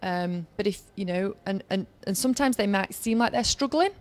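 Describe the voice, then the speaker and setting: In an interview, a woman in her thirties from Yorkshire, England, who once worked on Olympic organising staff, talks in a steady, earnest flow and offers advice. Her pitch is medium and her speed normal.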